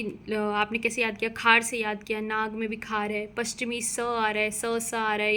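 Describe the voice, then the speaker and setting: A woman with a slightly raised pitch teaching an exam-prep lesson. She explains patiently and repeats key words so they stick. A faint hiss sits under her voice. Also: pushed and bright.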